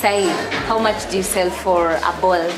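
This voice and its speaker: A woman's voice: lowish voice, steady tone, unhurried. Casting: Kenyan-accented female interview host, casual and code-switching, echoey room with music behind. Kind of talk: casual interview, mixing English and Swahili.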